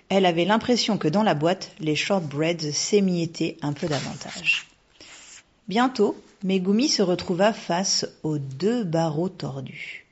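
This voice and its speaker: Husky woman reading a storybook. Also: fairly low pitch. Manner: steady, measured reading. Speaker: narrator. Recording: dull lo-fi recording.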